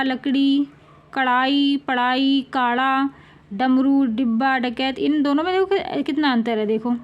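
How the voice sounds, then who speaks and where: A woman teaching a grammar lesson for exam preparation, repeating each sound and word slowly for her pupils. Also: high-pitched. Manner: slow, drawn-out repetition of sounds and words for pupils.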